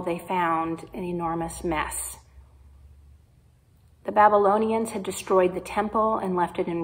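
A woman pastor with a Midwestern American accent, preaching a sermon in a slow, measured way with pauses. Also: medium pitch, poor audio. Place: church sanctuary.

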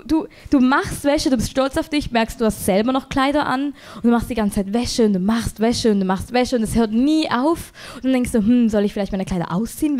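Young woman doing stand-up. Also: darkish tone. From Switzerland. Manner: rambling, self-deprecating, quick jumps in pitch when exasperated. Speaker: stand-up comedian. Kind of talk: stand-up comedy set. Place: comedy club stage.

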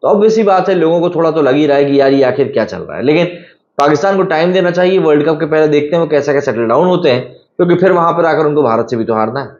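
A man's voice: a little high, fast, a little mellow. A man giving a casual, chatty cricket match analysis, often calling viewers brother. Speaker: cricket news presenter. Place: studio. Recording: echoey, slightly dull room recording.

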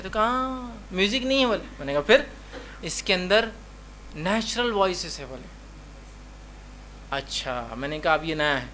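Bright-voiced lecturer, a man. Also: sits high, a little hiss or hum. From India. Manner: rhetorical questions, repeats reminders to remember. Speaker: Islamic lecturer. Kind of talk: religious lecture.

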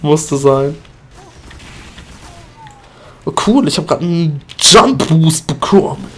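Male gaming commentator, animated pitch, goofy outbursts, casual live commentary. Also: slow. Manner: excitable, jumps into high-pitched shouts and goofy chants.

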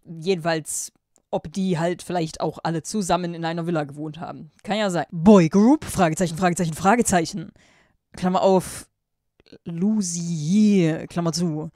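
A woman reading a fan story aloud and breaking off for sarcastic, dry commentary, even reading out the emojis and punctuation. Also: fairly low pitch, dry recording. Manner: sarcastic, dry ironic asides.

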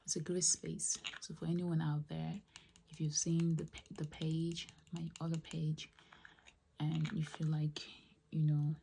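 Low, whispery woman doing ASMR. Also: level tone, a little slow, a little hiss or hum. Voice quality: breathy whisper mixed with soft low voice. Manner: soft, repetitive trigger words. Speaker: ASMR host.

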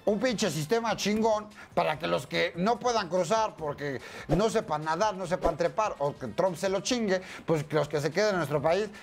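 A young man with a Mexican accent hosting a comedic news rant in a crude, profane, joking way and slipping into quick voices. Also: high voice, creaky, soft background music. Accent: Mexican Spanish. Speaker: masked comedy news host.

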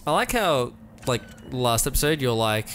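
A man's voice: medium pitch, sing-song, normal speed, fairly bright tone, slight background noise. A man commenting casually on a horror video game as he plays, wry and sarcastic. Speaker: let's play host.

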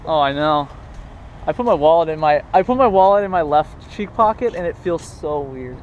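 A man's voice: on the high side, animated, moderate pace, lo-fi sound. A young man in his twenties vlogging a night road trip, making playful mock-announcer jokes into a camera on a pole. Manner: joking, mock announcer lines. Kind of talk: casual travel vlog. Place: car at night, then outdoor gas station. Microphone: camera on a handheld pole. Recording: loud road and outdoor noise.

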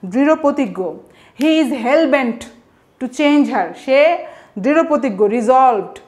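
A woman's voice: sits high, expressive, slow, a little mellow. A woman teaching English vocabulary, explaining each word patiently and slipping English example sentences into her talk. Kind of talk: explanatory lesson.

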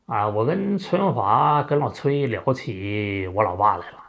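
A man's voice: lowish voice, animated, fairly bright tone. A middle-aged man, hosting a storytelling monologue in a chatty way, often stretching out "啊" fillers. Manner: chatty, with frequent drawn-out "啊" fillers. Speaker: host.

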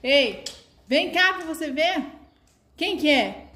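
A woman's voice: sits high, lively intonation, takes it slowly, sharp tone. A young woman hosting a casual home vlog, bubbly and sing-songy as she talks with small children. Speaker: vlogger host. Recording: echoey room with background noise.

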